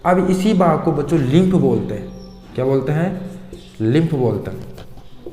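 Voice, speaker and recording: A man teaching science, putting questions to his students and answering them himself, going over the key terms again and again. His voice sits a little high for a man. The room is bare and echoey, with a long reverb trailing after each phrase. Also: animated, unhurried, warm tone, soft background music. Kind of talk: blackboard science lesson.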